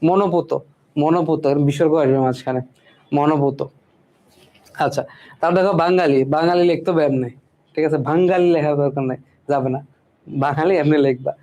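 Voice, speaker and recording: A man's voice: on the high side, fairly quick, pauses often, warm tone, lo-fi sound. A man teaching a spelling lesson, repeating each word and checking in with "right?" after almost every point. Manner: repeats words and keeps asking "ঠিক আছে?".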